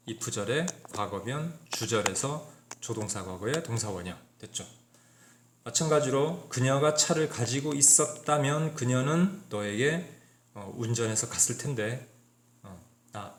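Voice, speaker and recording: A male English teacher explains grammar problems one by one, stopping often to check in with his students. His mid-pitched voice carries a roomy echo, with faint clicks now and then. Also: slight background noise. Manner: walks through problems step by step, frequent "자" and "그죠?" check-ins. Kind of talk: exam-prep grammar lecture.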